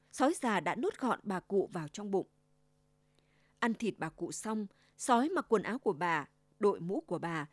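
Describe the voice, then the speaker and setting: A woman reads a children's fairy tale aloud in an expressive storyteller's voice. Her pitch sits in the middle range. The recording is dry and close. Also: no room sound. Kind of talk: scripted fairy tale narration.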